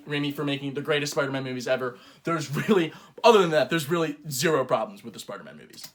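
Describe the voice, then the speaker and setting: Male comedy host ranting from his bedroom, bright and forceful, excitable delivery. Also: a little high. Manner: excitable mock rants that swing from mumbling to yelling. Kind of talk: comedic home-made talk show. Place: bedroom at home.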